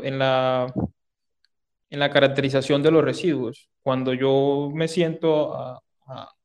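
Colombian Caribbean man, halting explanatory delivery. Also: medium pitch. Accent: Colombian Caribbean coastal. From Córdoba, Caribbean coast of Colombia. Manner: hesitant, halting phrasing with repeated words and tag questions. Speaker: interview guest, engineer and researcher. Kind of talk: spoken interview answers, explanatory.

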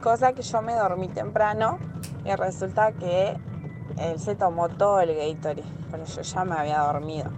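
A woman's voice: on the low side, normal speed. A young woman with an Argentine accent calling in, telling an embarrassing story in a chatty, giggly way. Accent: Argentine Spanish. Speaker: caller. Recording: noisy line with traffic behind.

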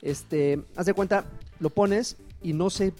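Mellow-voiced Mexican man explaining. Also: high voice, takes it slowly, faint music behind. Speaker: podcast co-host. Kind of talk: casual chat about video games.

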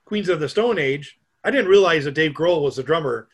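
Rambling talkative man, fairly high voice. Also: lively intonation, fairly quick, breathy edge. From Minnesota. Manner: rambling, joking, self-mocking. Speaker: podcast co-host. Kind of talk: casual chat.

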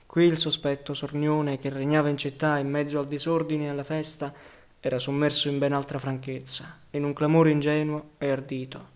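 A male narrator reads a novel aloud calmly and at a measured pace. His clean-toned voice sits fairly high for a man, and he keeps it quiet and steady.

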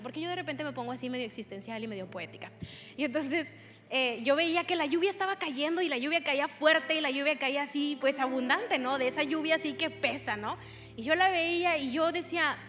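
A woman's voice: high-pitched, brisk, a bit bright. A young woman preaching a sermon in a church, telling a story in a chatty way with many fillers. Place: church hall. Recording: long hall reverb with faint music.

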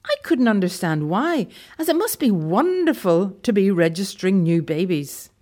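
A woman from Ireland, telling a personal anecdote in a gentle, measured way. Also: medium pitch, sing-song. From Northern Ireland. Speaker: storyteller. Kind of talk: anecdote storytelling.

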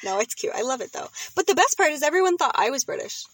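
A young woman co-hosting a podcast, chatting casually in an animated, rambling way. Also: high-pitched, fast talker, no echo, poor audio. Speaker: podcast co-host. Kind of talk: casual chat.

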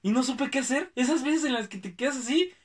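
A young man with a Mexico City accent, chatting casually and telling stories in animated, slangy talk. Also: very high-pitched, a little fast, far from the mic. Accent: Mexico City Spanish. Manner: slangy, animated, acts out quotes. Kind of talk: casual chat, storytelling.

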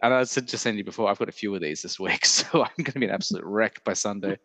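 A man hosting a podcast in casual chat, with a gravelly voice hoarse from illness and a long day of talking, joking and self-deprecating as he rambles. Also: on the low side, rapid-fire, fairly bright tone, no echo, in a large hall. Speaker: podcast host.

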